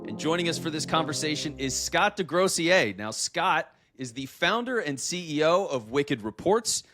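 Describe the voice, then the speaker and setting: A man's voice: fairly high pitch, sing-song, normal speed, fairly bright tone, no room sound, soft background music. A man hosting a podcast interview with a polished, upbeat radio-style delivery. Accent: neutral American broadcast. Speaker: podcast host.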